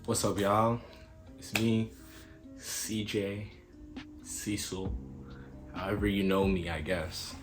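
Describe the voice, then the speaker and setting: A man's voice: lowish voice, flat delivery, takes it slowly, pauses often, music in the background. A man, introducing himself casually in a laid-back, rambling way. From Queens, New York. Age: early 20s. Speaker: podcast host.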